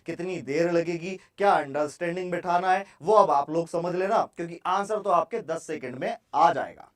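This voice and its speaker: A man's voice: sits high, recorded from a distance. A man teaching a maths class for exam preparation. He works through sums step by step and asks and answers his own questions. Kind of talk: exam-prep maths lesson.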